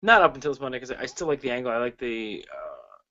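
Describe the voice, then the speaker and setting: A man's voice: medium pitch, big pitch swings, fast talker, sharp tone, muffled recording. A man co-hosting a podcast in casual chat, rambling and swearing with frequent restarts. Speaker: podcast co-host.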